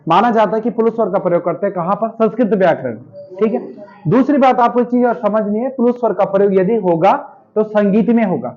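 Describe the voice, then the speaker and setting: Male coaching teacher with a high voice, quizzing pupils through a grammar lesson; dull lo-fi sound. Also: a little fast. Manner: asks students questions and answers them himself. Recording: dull lo-fi classroom recording.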